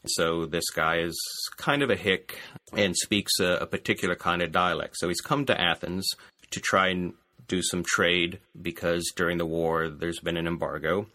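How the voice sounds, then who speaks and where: A man, a classics scholar, explaining ancient comedy in a conversational interview, his phrases trailing off quietly at the ends. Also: sits low, steady tone, normal speed.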